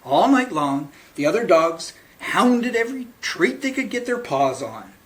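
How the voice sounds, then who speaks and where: Guy reading a kids picture book out loud, slow and theatrical, voice goes up and down a lot. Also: sits high, very animated. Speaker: children's librarian reading storytime. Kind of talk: animated picture-book read-aloud.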